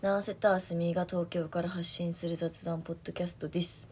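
A woman's voice: lowish voice, level tone, fairly quick, a little mellow, slight background noise. A woman from Aomori with a Tsugaru accent, co-hosting a casual podcast chat; she has just woken up and reacts in a laid-back way. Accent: Tsugaru dialect. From Aomori, Japan. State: just woke up. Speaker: podcast co-host.

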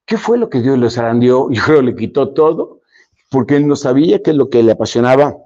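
A man giving a motivational speech, dramatic, swinging between loud emphasis and soft, low lines. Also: animated, a little fast. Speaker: motivational speaker. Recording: dull lo-fi recording.

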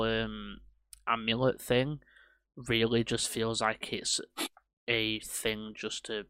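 A man's voice: medium pitch, smooth, no echo. A man, hosting a casual podcast that reviews films, rambling and swearing casually. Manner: rambling, swears casually, animated when ranting. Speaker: podcast host. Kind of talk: casual film review chat.

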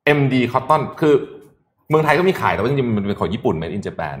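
A man co-hosting a podcast in casual chat, enthusiastic and quick to react. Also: on the low side, very animated. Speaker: podcast co-host.

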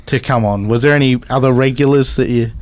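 A man's voice: mid-range voice, fairly even intonation, brisk, darkish tone. A man hosting, prompting his co-hosts with casual questions. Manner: prompting, inquisitive. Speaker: podcast host asking questions. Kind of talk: casual chat.

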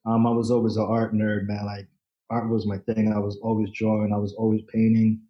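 A man's voice: lowish voice, completely flat delivery, a little fast, lo-fi sound. A man in his forties from the Dominican Republic, a photojournalist guest chatting loosely with lots of fillers, restarts and casual swearing. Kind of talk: casual interview chat.

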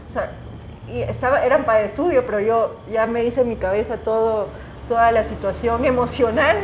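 Animated woman telling stories. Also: a little high, a little hiss or hum. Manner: animated, emotional, frequent restarts. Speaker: interview guest, news journalist. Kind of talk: casual conversational storytelling. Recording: echoey room.

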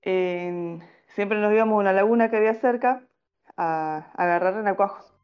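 A woman's voice: medium pitch, moderate pace, lo-fi sound. A woman in her thirties from Salta, Argentina, telling a childhood story as a podcast guest, hesitant and full of fillers. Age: 30s. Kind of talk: casual storytelling interview.

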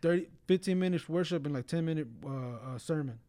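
A man's voice: on the high side, brisk, mellow. A man talking casually and earnestly about religion in a blunt way, often peppering his speech with slang and filler phrases. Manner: blunt, earnest, frequent "bro" and "you know".

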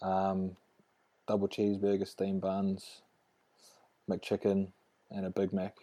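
A man's voice: low-pitched, monotone, takes it slowly, mellow. A young man with a broad New Zealand accent, chatting casually and slangily as an interview guest. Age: young adult. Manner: laid-back, slangy. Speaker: interview guest, rugby player. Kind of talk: casual chat.

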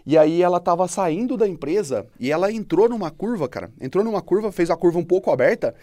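A man's voice: sits high, lively intonation, fast, mellow, no room sound. A man co-hosting a business podcast, talking casually and dropping frequent tag questions as he tells stories. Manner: conversational, filler-heavy, frequent "né?". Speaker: podcast co-host.

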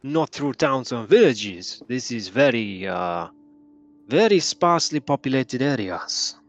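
A man doing a gruff soldier. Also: mid-range voice, lively intonation, measured pace, muffled recording, close to an everyday voice. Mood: grumbling. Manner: grumbling, ends questions with "no?".

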